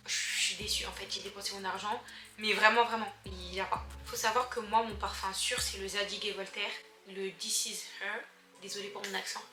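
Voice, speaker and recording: A woman's voice: mid-range voice, bright, forceful tone, reverberant. A young woman giving casual beauty advice in a chatty vlog, full of fillers and talking straight to her viewers. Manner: chatty, filler-heavy, addresses viewers as girls. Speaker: beauty vlogger.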